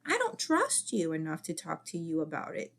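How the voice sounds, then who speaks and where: Middle-aged woman ex child therapist talking feelings, earnest, repeats herself, goes soft and whispery a lot. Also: sits low, wildly swooping pitch, normal speed, gravelly. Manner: repetitive, earnest, often drops to a soft whisper. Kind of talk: casual advice talk to camera.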